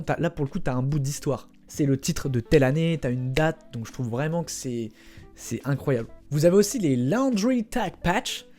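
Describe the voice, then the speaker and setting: A young man with a somewhat high but warm, mellow voice hosts a casual explainer vlog. He talks straight to his viewers in a playful, chatty way and drops in little spoken sound effects. Faint music plays underneath. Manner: chatty, addresses viewers directly. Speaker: trading card collector and channel host.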